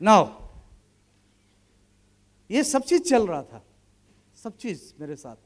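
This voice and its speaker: A man in his thirties with an unusually high voice tells a motivational story at a business event. His delivery is casual and colloquial, and he slips into acting out each exchange in his anecdotes. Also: very animated, unhurried, warm tone.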